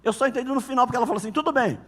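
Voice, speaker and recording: A man preaching a sermon as a pastor, telling animated stories and acting out couples' quarrels. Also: extremely high pitch, racing, big-room sound.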